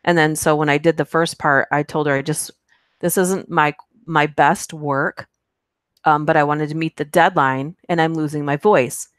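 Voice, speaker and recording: A horror narration channel host talks casually to her live-stream audience, reading comments and rambling with frequent fillers and giggles. She has a deep voice with fairly even intonation and a moderate pace. The clean studio recording is dry.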